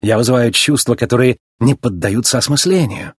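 A man's voice: mid-range voice, brisk, husky, dry recording, studio quality, lightly acted. A man voicing a cocky young male race car with a brash, boastful, teasing manner.

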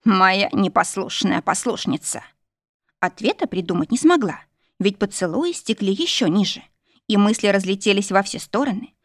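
A woman's voice: mid-range voice, dry recording. Woman narrating a romance audiobook, close and dry.

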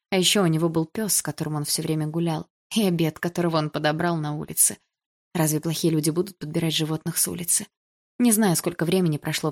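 A woman narrating a first-person novel with an expressive, emotional reading. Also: fairly low pitch. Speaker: audiobook reader.

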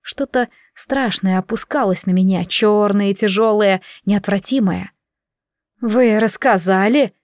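A woman reading a dramatic audiobook aloud, slow and measured, voicing every character with emotion. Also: medium pitch, fairly even intonation, darkish tone, dry recording, studio quality. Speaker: audiobook narrator.

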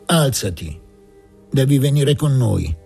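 A man's voice: medium pitch, animated, slow pace, gravelly, darkish tone, breathy edge, faint music behind, voice pushed up, heavily acted. A man reading aloud, voicing a menacing fascist squad leader who bullies and commands. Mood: bullying. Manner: bullying, commanding.

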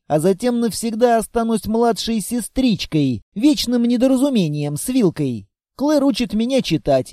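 A man's voice: high-pitched, warm tone, no echo, clean studio sound. A man reading aloud, voicing a sad, sarcastic little girl who never grows up. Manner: quick, sulky and sarcastic. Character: sad, sharp-tongued immortal little blonde girl.

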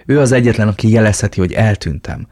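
A man's voice: lowish voice, a little mellow. A man voicing a frightened but stubborn young woman held captive, reading her lines in an audiobook. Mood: pleading. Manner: pleading, then indignant.

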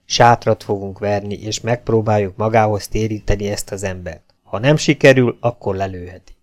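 A man's voice: fairly low pitch, steady tone, lightly acted. A man reading an audiobook who voices a stern, principled male baron serving as a legionnaire, speaking firmly and commandingly. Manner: commanding, firm, raised voice. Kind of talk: audiobook character voice.

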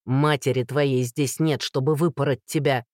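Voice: medium pitch, steady tone, moderate pace, a little mellow, no room sound, studio quality, close to an everyday voice. A reader voicing an enraged beastlike man who growls his words in an audiobook.

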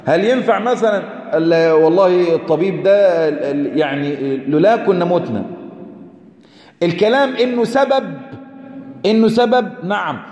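A man's voice: high voice, normal speed, darkish tone, highs cut off. A man with an Egyptian Arabic accent teaching a religious lesson, asking his listeners rhetorical questions and repeating his key points for emphasis. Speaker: preacher. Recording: echoey hall.

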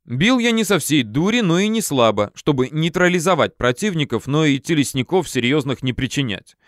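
A man narrating a first-person audiobook, lively and slangy, on a close studio mic. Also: fairly high pitch, normal speed, no room sound.

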